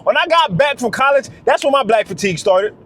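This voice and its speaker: A man's voice: extremely high pitch, animated, fairly quick, fairly bright tone. A man talking straight to camera in a casual vlog, emphatic and slangy, repeating his phrases for weight. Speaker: vlogger.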